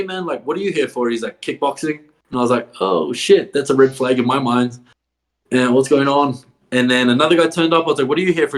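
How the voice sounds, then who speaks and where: Casting: man, mid-pitched, a chatty wrestler telling stories, laughing and swearing. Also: fairly bright tone. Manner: swears a lot, laughs often, filler-heavy "like". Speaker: professional wrestler, podcast guest. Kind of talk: casual storytelling.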